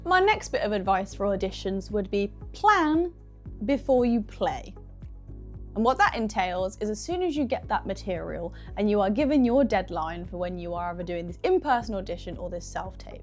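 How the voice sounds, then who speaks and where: Young northern english woman vlogging audition tips, chatty and animated, soft music underneath. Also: mid-range voice. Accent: northern English regional. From Midlands or North of England. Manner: chatty, animated, acts out little voices in quotes. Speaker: actor giving audition advice. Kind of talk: casual advice vlog.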